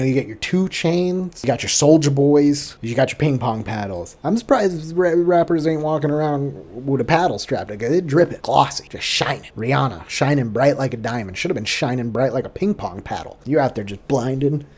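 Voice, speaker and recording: A man's voice: medium pitch, a little mellow. A man giving comedic reaction commentary as a streamer, riffing with profane mock outrage.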